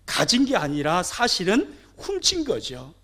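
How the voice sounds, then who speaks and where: A man preaching a sermon as pastor, swinging between loud outbursts and soft asides, questioning and joking with his congregation. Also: high voice, wildly swooping pitch, unhurried. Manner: asks the congregation questions and jokes with them. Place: church sanctuary.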